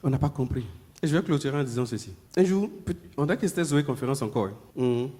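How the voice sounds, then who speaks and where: A man preaching a sermon, talking conversationally with the congregation, repeating himself, and moving between loud emphatic peaks and low murmured asides. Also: lively intonation, fast. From Ivory Coast.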